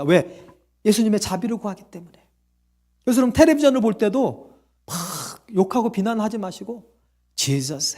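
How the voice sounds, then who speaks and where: A pastor preaches a sermon in a mellow, warm-toned voice pitched in the middle range. The delivery is emphatic, full of rhetorical questions and direct calls to the listeners. Hallelujahs punctuate the talk.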